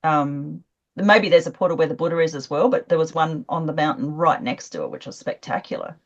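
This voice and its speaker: A woman in a casual group chat, speaking in a calm, earnest, reflective way. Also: low voice, brisk, highs cut off.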